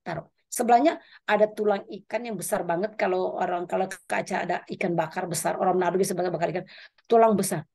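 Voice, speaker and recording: A middle-aged woman speaking at a women's prayer meeting, giving a lively spoken testimony sermon, her pitch rising and falling as she tells her story. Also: fast, vocal fry, breathy edge. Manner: animated storytelling, pitch swinging up and down.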